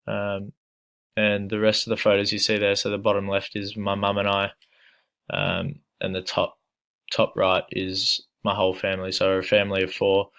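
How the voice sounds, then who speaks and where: A young Australian man introduces himself in a relaxed, casual way, pausing often on fillers. His voice sits low and stays fairly flat in tone. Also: gravelly, clear, resonant tone. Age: young adult. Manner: relaxed, hesitant with many fillers. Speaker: student.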